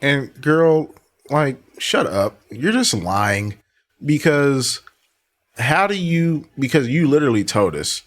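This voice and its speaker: A man's voice: mid-range voice, big pitch swings, takes it slowly, a bit bright. A man giving sarcastic, profane commentary on a video clip, often laughing at it. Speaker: reaction commentator.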